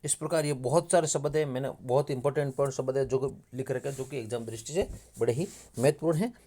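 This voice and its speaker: A man's voice: medium pitch, quick pace, dark tone. A male teacher running an exam-prep class, reading out a list of words one by one and stopping to stress the tricky spellings, in a Rajasthani-accented Hindi. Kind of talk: exam-prep lesson reading out word lists.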